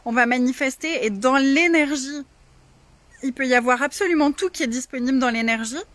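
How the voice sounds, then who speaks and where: A woman's voice: high-pitched, fairly quick, fairly bright tone. A woman coach talking casually to followers on a livestream, her voice resounding in an echoing space. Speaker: coach hosting a live session.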